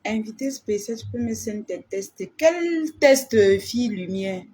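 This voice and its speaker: A woman ranting defiantly in a live stream, boastful and repetitive, rising into shouts. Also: a little high, lively intonation, a little slow.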